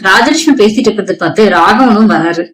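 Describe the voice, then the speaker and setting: A woman's voice: mid-range voice, expressive, fast, fairly bright tone, rough recording. A woman narrating a family drama story in a scripted storytelling style.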